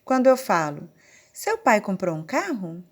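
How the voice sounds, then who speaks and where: A woman with a Brazilian Portuguese accent teaching a recorded online lesson, explaining slowly and step by step. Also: medium pitch, very animated. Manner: slow, deliberate, explaining step by step. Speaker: sign language teacher.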